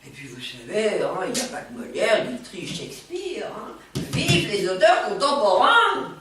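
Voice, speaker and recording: In a stage comedy, a woman at medium pitch, very animated, plays an exuberant older woman who was once an actress. Lively in mood, her manner is chatty, theatrical and quick-witted. Background noise and a roomy stage sound from far off are present.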